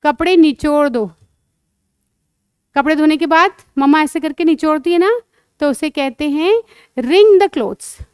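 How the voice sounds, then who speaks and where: High-voiced woman teacher, patient. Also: darkish tone, dry recording, clean studio sound. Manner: patient, repeats phrases slowly, quizzes with questions. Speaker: English teacher. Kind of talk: teaching lesson to children.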